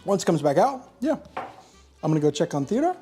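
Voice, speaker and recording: A woman's voice: fairly low pitch, sing-song, moderate pace, music in the background. A woman baking at home, chatting casually with a wry, matter-of-fact humor. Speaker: home baker, co-host. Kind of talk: casual kitchen chat. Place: home kitchen.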